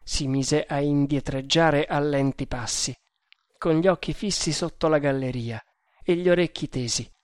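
A man reading an adventure novel aloud as audiobook narrator, in a measured, dramatic manner. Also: a little high, smooth, no echo, studio quality.

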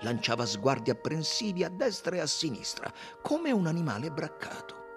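A man narrating a novel as an audiobook, measured and expressive. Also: on the high side, music in the background. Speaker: audiobook reader.

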